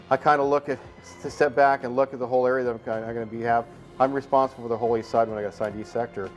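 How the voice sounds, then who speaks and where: Fast-talking man in informal debrief. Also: medium pitch, dull audio. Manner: informal, explanatory. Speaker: firefighter sector officer. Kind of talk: after-action debrief narration. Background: faint music.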